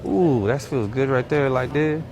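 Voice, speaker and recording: A man's voice: mid-range voice, unhurried. A man pulling a prank in a gun store, talking in a boastful, swaggering street style. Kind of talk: prank video, street slang.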